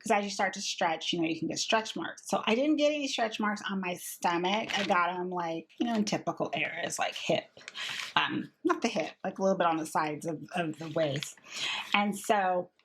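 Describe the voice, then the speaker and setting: A woman in her thirties, a beauty vlogger, chatting casually and candidly about products she has used up, with a husky voice. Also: lowish voice, normal speed, noisy background. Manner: chatty, candid, frequent fillers and restarts. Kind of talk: casual product review chat.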